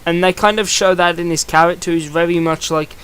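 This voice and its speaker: Talking at a slightly quick clip, this young man reviews comic books in a loose, rambling style, often beginning sentences again. His smooth, clear voice sits a bit high, with a fairly bright tone and fairly even intonation.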